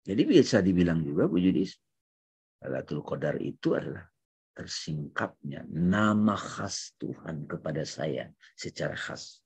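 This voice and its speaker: A man leading a reflective spiritual study talk, shifting between hushed musing and emphatic phrases. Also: low-pitched, very animated, unhurried, slightly rough. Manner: swings from hushed musing to loud chanted takbir. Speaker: speaker in religious study session.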